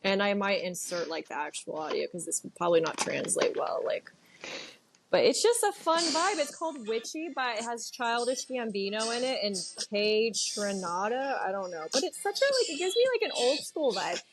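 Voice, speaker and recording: A woman's voice: fairly high pitch, very animated, normal speed. A woman co-hosting a podcast in casual chat, talking in a chatty way with lots of "like". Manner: chatty, leans heavily on "like". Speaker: podcast co-host.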